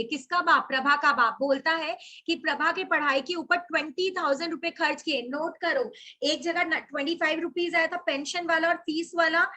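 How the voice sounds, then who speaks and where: A woman's voice: high-pitched, pushed and bright. A young woman teacher explaining a story line by line, reading passages aloud and then restating them plainly with English words mixed in. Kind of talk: line-by-line literature lesson.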